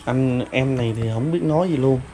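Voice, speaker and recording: A man asking short, gentle follow-up questions as interviewer. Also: mid-range voice, brisk, music in the background. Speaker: interviewer, channel host.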